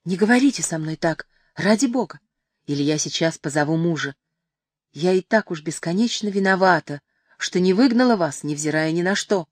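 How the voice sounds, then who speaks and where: A woman's voice: fairly low pitch, lively intonation, moderate pace, no room sound, studio quality. A woman reading the part of a distressed, indignant noblewoman full of reproach. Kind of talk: audiobook reading.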